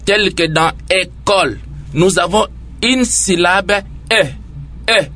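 A man speaking as a professor, giving a measured explanation and repeating key terms. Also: sits high, sharp tone. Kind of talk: lecture explanation.

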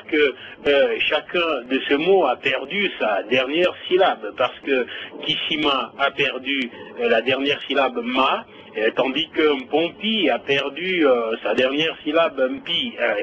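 A man's voice: medium pitch, animated, unhurried, a little hiss or hum. A man, reporting live as a radio correspondent, hesitant with many fillers and restarts. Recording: dull lo-fi radio link.

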